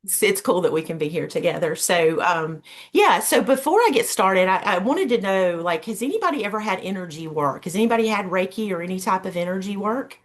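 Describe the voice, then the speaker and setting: A woman's voice: mid-range voice, lively intonation, fairly quick. A woman with a Georgia Southern accent, giving an informal, folksy explanation as a guest practitioner on a video call. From Georgia, United States. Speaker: Reiki practitioner, guest speaker.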